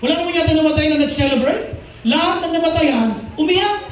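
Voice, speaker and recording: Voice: sits high, fast talker, a little hiss or hum. A pastor preaching a sermon in a mix of Tagalog and English, who often asks the congregation questions and repeats key phrases. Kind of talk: Taglish sermon. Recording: very echoey hall, mic far off.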